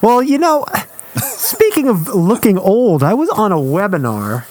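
High, lively man teasing in chat. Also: unhurried. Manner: teasing, incredulous questions, laughs easily. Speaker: podcast co-host. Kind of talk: casual chat.

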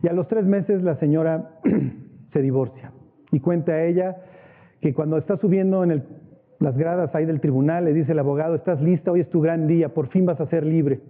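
Male preacher, lively storyteller, tinny phone-like radio sound. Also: on the high side, moderate pace. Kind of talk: sermon.

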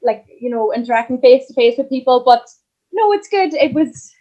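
A woman's voice: high-pitched, lively intonation, normal speed, mellow, dull audio. A young woman with a Donegal accent from Ireland, chatting casually as a podcast guest over a remote call. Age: young adult. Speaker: podcast guest, country singer. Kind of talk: casual chat.

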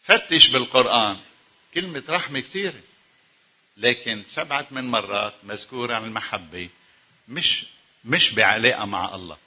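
A man's voice: medium pitch, moderate pace, sharp tone, slightly rough. A male preacher with a Lebanese accent delivering a sermon, putting emphatic rhetorical questions to his congregation. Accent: Lebanese Arabic.

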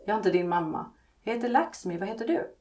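A woman voicing Laxmi, a hushed coaxing girl. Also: medium pitch, expressive, close to an everyday voice. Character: young girl, gentle and reassuring, whispering through a wall. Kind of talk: read-aloud storybook passage.

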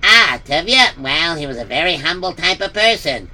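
A man's voice: fairly high pitch, very animated, moderate pace, sharp tone. A man narrating a story casually, rambling with many fillers and repetitions.

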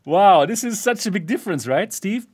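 Man, high-pitched voice, podcast host, casual chat, laughs often. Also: lively intonation, normal speed, darkish tone, husky. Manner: laughs often while talking. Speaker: host of a VR channel.

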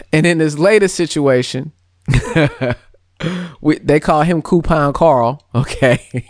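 A man in casual podcast banter, animated and argumentative, his voice jumping up when he pushes a point. The sound is dry and close. He laughs often between his lines. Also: on the high side, no room sound. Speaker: podcast co-host.

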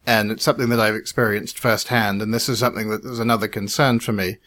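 An independent filmmaker co-hosts a casual podcast conversation, speaking in a measured, reflective way with a lowish, steady voice. His sentences tend to trail off quietly.

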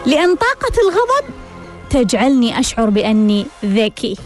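A woman's voice: a little high, wildly swooping pitch, normal speed, faint music behind. A woman hosting a self-help show, giving a scripted monologue in which she asks questions and answers them herself.

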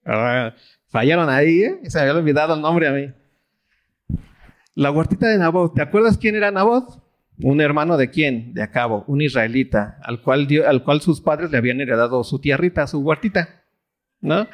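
Here a man with a Mexican accent, fairly high-pitched and at normal speed, preaches a Bible study. As the pastor, he asks questions and waits for the audience to complete the answers.

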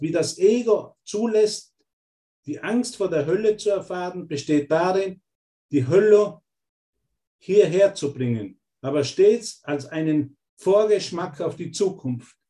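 Ein Mann mit österreichischem Akzent leitet eindringlich eine spirituelle Kurslektion. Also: male voice, high voice, mellow. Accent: Austrian. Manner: earnest, emphatic, mixes teaching with acted inner voices. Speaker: spiritual teacher. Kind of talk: spiritual course lesson.

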